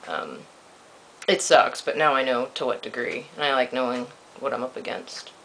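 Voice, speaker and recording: A man with a reedy, slightly squeaky voice talking in a dry, self-deprecating, blunt way in a casual video diary. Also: lively intonation, normal speed, vocal fry, bright, forceful tone, a little hiss or hum, rough recording. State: sore throat. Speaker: video blogger giving a personal update. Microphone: built-in microphone of an old point-and-shoot camera.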